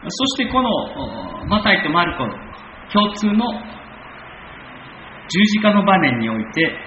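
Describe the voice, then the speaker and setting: Male pastor, sermon delivery, lively and bright, measured phrasing, roomy dull recording. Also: high-pitched, slight background noise. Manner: measured preaching, rising for emphasis.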